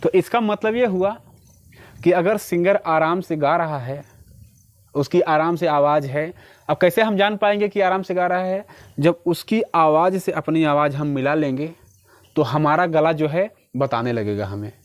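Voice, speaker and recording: A man's voice: on the high side, a little slow, no room sound, studio quality. A man giving a one-on-one harmonium lesson, patiently explaining and checking that the student follows. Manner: sings short phrases to demonstrate notes. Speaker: music teacher.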